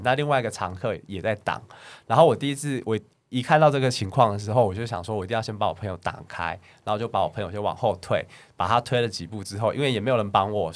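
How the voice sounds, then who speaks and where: A man with a Taiwanese Mandarin accent telling a story in casual chat, acting out the dialogue and breaking into laughter. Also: on the low side. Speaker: bar staff and podcast host.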